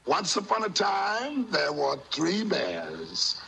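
Man as playful bedtime storyteller, very gravelly, slow, hugely animated, musical record, loud backing music. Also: sits high, a little hiss or hum, heavily acted. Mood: playful storytelling. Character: playful storyteller of the three bears fairy tale.

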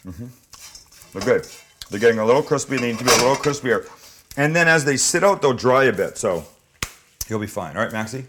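A man's voice: medium pitch, expressive, fairly quick, pauses often. A man talking viewers through a dish like a cooking show host, chatty, informal and opinionated. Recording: clear background noise with kitchen clatter.

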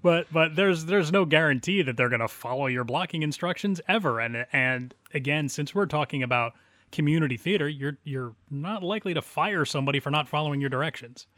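A man's voice: fairly high pitch, expressive, fairly quick, fairly bright tone, dry recording. A man co-hosting a podcast about community theater in casual chat, laughing often and restarting phrases. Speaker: podcast co-host.

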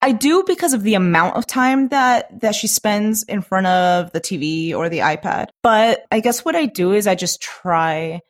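A young adult woman co-hosting a podcast in casual chat, animated and quick to laugh, swearing casually. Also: mid-range voice. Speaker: podcast co-host.

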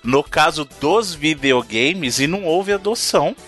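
A man's voice: a little high, lively intonation, measured pace, a bit bright, faint music behind. A Brazilian man co-hosting a casual gaming podcast, arguing his point emphatically and repeating himself for emphasis. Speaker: podcast co-host. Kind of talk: casual chat about video games.

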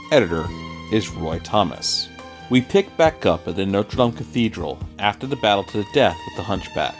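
A man co-hosting a comic book podcast, reading out the credits and plot of an issue, then chatting casually about it. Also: fairly low pitch. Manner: reads issue credits and plot recap, then chats with many fillers and repeats. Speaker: podcast co-host.

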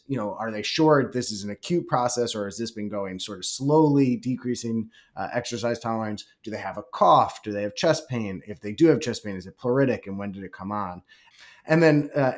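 A man talking through a medical case, thoughtful, asking one question after another. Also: fairly low pitch. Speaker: clinician in case discussion.

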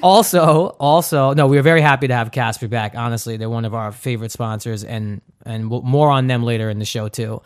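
Guy hosting a podcast, upbeat and jokey, reading ads like he's just chatting, mid-pitch voice. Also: fairly quick, few pauses, smooth. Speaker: podcast host. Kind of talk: casual podcast chat with ad reads.

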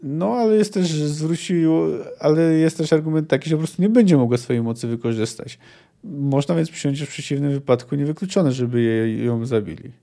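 Mellow-voiced man analyzing a novel. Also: fairly high pitch, creaky. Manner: measured, analytical, thinking aloud. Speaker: podcast host. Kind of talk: book discussion commentary.

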